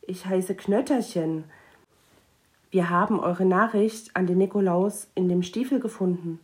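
A woman's voice: fairly low pitch, unhurried, a little mellow, lightly acted. A woman voicing a small, timid male Christmas imp who speaks in an anxious, whimpering way. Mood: sheepish.

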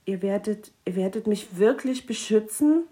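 A woman's voice: medium pitch, animated, moderate pace, warm tone, natural voice. A woman voicing a small, timid male Christmas imp who speaks in an anxious, whimpering way.

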